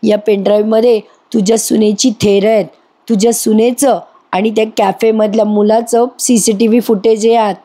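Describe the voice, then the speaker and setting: A woman's voice: fairly high pitch, flat delivery, moderate pace, mellow, lightly acted. A woman reading a scornful scheming older woman. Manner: accusing, scornful. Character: scheming older woman accusing a young bride.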